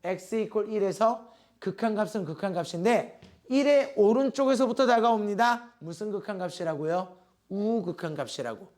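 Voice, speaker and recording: A man's voice: high voice, animated, moderate pace, a little mellow. A man teaching a math lesson to a class, asking constant check questions and drawing out key terms.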